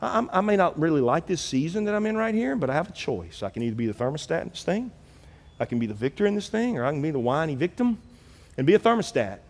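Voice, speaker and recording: Animated male preacher in a reverberant hall. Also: fairly high pitch, fast. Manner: animated, acts out quoted biblical figures. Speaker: pastor. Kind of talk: sermon.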